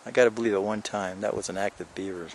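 An older man films a vlog on a handheld camera while hiking a windy mountain trail, narrating casually. He rambles and jokes with plenty of fillers. His voice is lowish and steady, his pace quick, with a little hiss or hum in the recording.

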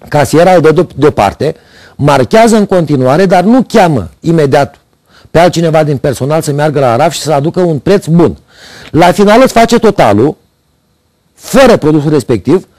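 A middle-aged TV commentary host with a fairly high, slightly mellow voice reads scripted opinion pieces at a studio desk into a lapel mic. His complaints are sardonic and ironic, and the recording has no echo.

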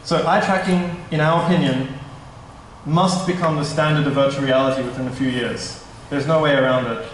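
A man's voice: medium pitch, fairly even intonation, normal speed, a little hiss or hum. A young man giving a casual, slightly nervous conference presentation at a meetup, correcting himself as he goes. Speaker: tech startup presenter. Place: meetup hall, indoors, large room. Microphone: stand mic at a distance. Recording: echoey hall, mic at a distance.

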